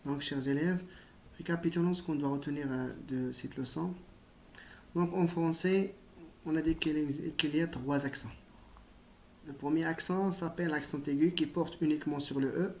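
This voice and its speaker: A man teaching a spelling lesson to primary school pupils, speaking slowly and patiently and addressing them directly. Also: a little high, fairly even intonation, darkish tone, slight background noise.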